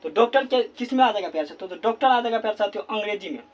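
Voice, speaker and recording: A male teacher giving a classroom grammar lesson at a board, repeating words slowly as he writes and asking questions he then answers himself. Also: sits high, animated, a little hiss or hum. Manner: repeats words slowly while writing, constant filler phrase.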